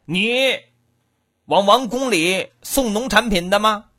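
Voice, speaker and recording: A woman voicing a contemptuous palace guard who barks and mocks in a husky voice. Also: mid-range voice, takes it slowly, bright, forceful tone, dry recording. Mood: demanding. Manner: barking, mocking.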